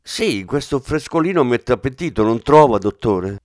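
A man's voice: medium pitch, expressive, moderate pace, darkish tone, dry recording, studio quality, voice pushed up, close to an everyday voice. A man reading an audiobook, playing a cheeky male police inspector who jokes with his boss. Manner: cheeky, joking. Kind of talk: audiobook character voice.

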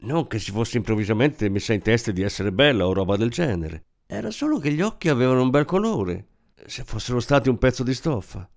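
A man narrating a novel aloud in an expressive storytelling manner. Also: mid-range voice, fairly quick, creaky. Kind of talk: scripted audiobook narration.

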